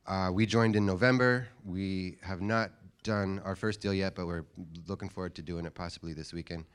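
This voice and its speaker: A man's voice: low voice, fairly even intonation, normal speed, clean tone. A man from the USA with a real estate background introducing himself and his wife to a group, friendly and a little sheepish.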